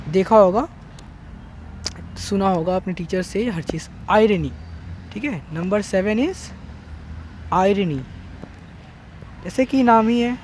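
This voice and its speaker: Slow-talking male tutor. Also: high voice, a little mellow, a little hiss or hum. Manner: slow, repetitive explaining with frequent "theek hai". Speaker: teacher. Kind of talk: online English grammar lesson.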